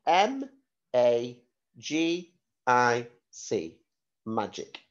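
A man speaking as a primary school teacher, giving slow, deliberate spelling dictation, repeating words and spelling them out letter by letter. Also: mid-range voice, sing-song, dull audio.

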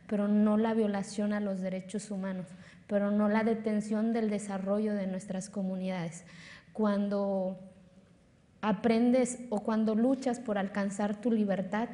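A woman in her thirties from Oaxaca, Mexico, whose first language is Zapotec, speaks with a Mexican Spanish accent. She gives an earnest, emphatic public talk on a lit stage in a large hall before an audience, repeating phrases for force. Her voice is mid-range and warm, and the hall is reverberant.

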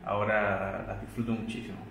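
A man in his thirties, a chef from Chile who grew up in Mexico and speaks with a Mexican Spanish accent, answering interview questions thoughtfully, with hesitations and soft laughs. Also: on the low side, flat delivery, brisk, a little hiss or hum. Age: 30s. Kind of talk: relaxed sit-down interview. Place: indoor restaurant with wooden shelves. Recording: echoey room with faint ambience.

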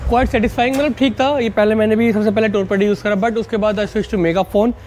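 A man in his 20s, a motorcycle vlogger and presenter, chats casually with viewers like they're his buddies, slipping English words into his talk. His voice sits high and steady, at a normal speed and a little mellow. He's outdoors on a narrow residential street, recorded on a wired lavalier mic.

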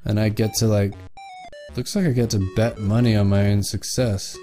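Frustrated gamer man, swearing, mellow dark voice, faint game music. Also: lowish voice, steady tone, normal speed. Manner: exasperated, swearing, loud outbursts. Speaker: let's play host. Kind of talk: casual game commentary.

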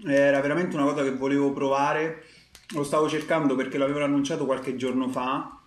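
A man's voice: medium pitch, flat delivery, fairly quick. A young man talking while chewing a snack, addressing his viewers with enthusiasm in a casual taste-test vlog. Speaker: food vlogger. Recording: echoey room.

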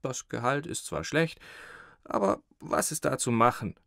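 A man's voice: mid-range voice, lively intonation, unhurried, gravelly, a bit bright, dry recording, studio quality, pitched above the performer's own voice. A man voicing a fawning, talkative thin clerk in an audiobook, speaking eagerly and at length. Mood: effusive. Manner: effusive, eager, rambling. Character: fawning, chatty thin male clerk, excited. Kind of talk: audiobook character reading.

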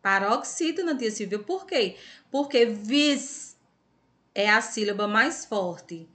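A Brazilian woman teacher talks at an unhurried pace in a bright, clear voice. She walks young children through a lesson from her computer at home, stretching words into syllables and encouraging them with affection. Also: mid-range voice. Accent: Brazilian Portuguese. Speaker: primary school teacher. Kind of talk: recorded online class for young children.

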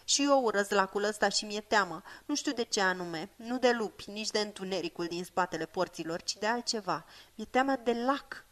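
A woman's voice: mid-range voice, expressive, hardly any pauses, lightly acted. Woman voicing an anxious young hobbit, reproachful, uneasy, storybook.

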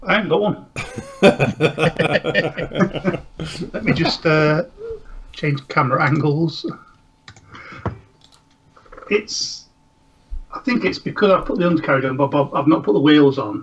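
A man's voice: on the high side, unhurried, long pauses, fairly bright tone. A man joining a casual modelling live show over a call, talking hesitantly and self-deprecatingly, often trailing off mid-sentence. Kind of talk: casual live-stream chat. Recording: slightly dull call audio.

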